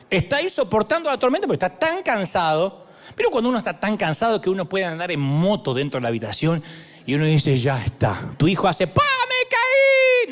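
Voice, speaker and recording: A middle-aged Argentine pastor preaches with a high, restless voice that swoops wildly up and down. He tells his stories theatrically, acting out little voices with jokes along the way. It sounds like a sermon delivered from a large church stage. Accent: Argentine Spanish. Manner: theatrical storytelling with acted voices and humor.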